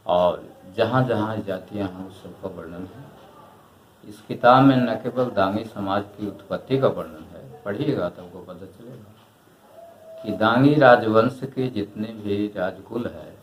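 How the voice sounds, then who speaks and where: An older man speaks slowly and thoughtfully, his voice sitting low. He answers an interviewer at length. The recording carries a roomy echo with faint background noise. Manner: slow, measured, reflective. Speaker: retired writer and historian.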